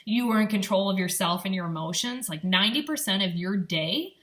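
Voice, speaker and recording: A little fast and animated, this young woman's mid-range, slightly bright voice carries a light Upper Midwest American accent from Michigan. She's vlogging casually, chatty and encouraging, with lots of ums and likes along the way.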